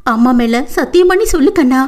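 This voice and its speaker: A woman's voice: high-pitched, lively intonation, normal speed. A woman voicing a distraught mother in an audiobook, imploring her son anxiously. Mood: pleading.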